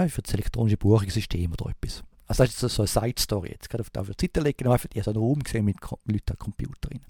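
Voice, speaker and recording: A man with a Swiss German accent telling a rambling anecdote in a casual way, halting often with fillers and restarts and imitating thumping sounds. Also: mid-range voice, vocal fry, warm tone, slightly rough, no echo, studio quality. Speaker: storyteller.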